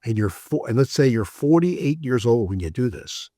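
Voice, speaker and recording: A man's voice: mid-range voice, very animated, moderate pace, warm tone, dry recording, studio quality. A man presenting a webinar lecture on retirement benefits, conversational and prone to restarts and repeats.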